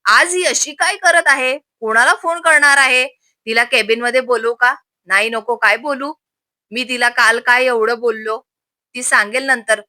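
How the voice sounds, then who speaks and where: A woman's voice: fairly high pitch, fairly even intonation, unhurried, pushed and bright, no echo. A woman voicing a worried, jealous young husband and office boss, muttering anxiously to himself.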